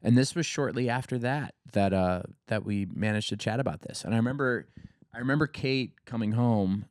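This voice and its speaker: A man's voice: mid-range voice, brisk, no room sound, clean studio sound. Rambling casual man co-hosting. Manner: rambling, filler-heavy, joking. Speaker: podcast co-host, label founder. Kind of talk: casual chat.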